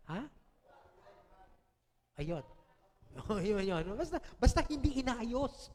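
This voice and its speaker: A man's voice: extremely high pitch, very animated, drawn-out words, long pauses, darkish tone, in a large hall, slight background noise. A Filipino man preaching a sermon as pastor, chatty and joking, laughing often and checking in with the congregation. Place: church hall.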